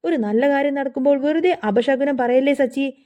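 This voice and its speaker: A woman's voice: high voice, moderate pace, warm tone, lightly acted. Woman voicing a scolding middle-aged mother. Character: sharp-tongued scheming middle-aged mother.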